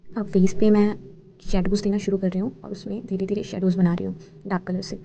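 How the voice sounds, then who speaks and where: Woman explaining painting steps, low and gravelly, flat tone, talks quick, a bit dull with light hiss. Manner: explains steps calmly, mixing Hindi and English. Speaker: art tutorial host. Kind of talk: painting tutorial voice-over. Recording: slightly dull, faint hiss.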